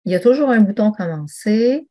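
A woman's voice: mid-range voice, lively intonation, a little fast, warm tone. A woman presenting an online teaching webinar, chatty and full of fillers and restarts. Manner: conversational, with many fillers and restarts.

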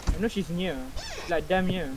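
High-pitched man, heavy noise. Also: steady tone, moderate pace. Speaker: gamer playing co-op horror game. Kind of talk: casual gaming chat. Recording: very noisy gaming mic, clicks.

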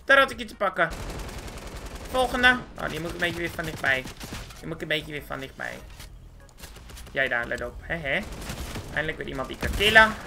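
A performer voicing a squeaky, hyper, cartoonish young male gamer, chattering boastfully through gameplay commentary. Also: fairly quick, gravelly, long pauses, noisy background. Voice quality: squeaky, swooping, with sudden high squeals. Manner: excitable, boastful, chatters nonstop at the screen. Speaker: game commentator.

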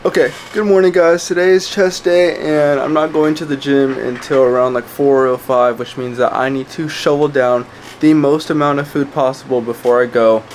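A young adult fitness vlogger chats casually to camera like a gym bro, full of slang and swearing. His voice is medium-pitched and steady at a normal speed, recorded in small home rooms, a bedroom and kitchen, with a little hiss or hum.

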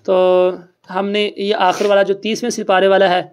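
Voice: medium pitch, little pitch movement, a little mellow, clean tone. A recitation teacher giving a classroom lesson who explains step by step in a plain, conversational way and keeps quizzing students to repeat answers back. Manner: patient, quizzes students and has them repeat. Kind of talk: classroom lesson with call-and-response.

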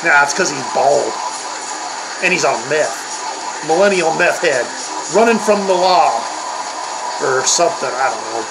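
A man's voice: fairly high pitch, animated, unhurried, long pauses, heavy background noise. An older man hosting a comedic reaction video, grumbling and mocking in a crude, profane way. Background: heavy metal music playing.

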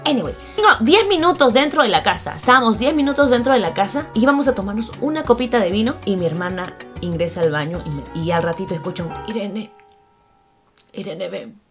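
A young woman co-hosting a storytime video, telling the story in a lively way and acting out the quoted voices. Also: fairly high pitch, quick pace, few pauses, music in the background. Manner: animated, acts out quoted voices. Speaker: vlog co-host. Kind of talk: storytime chat.

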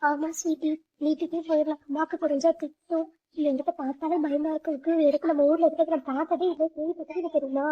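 A woman's voice: high voice, level tone, fast talker, natural voice. A woman voicing a protective older sister figure who reassures the younger girls. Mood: curious. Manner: reassuring, motherly. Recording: dull lo-fi sound.

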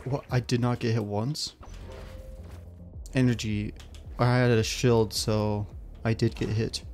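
A man's voice: medium pitch, level tone, slow pace, darkish tone, soft background music. A man streaming a video game, thinking aloud and muttering to himself as he plays. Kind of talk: casual gameplay commentary.

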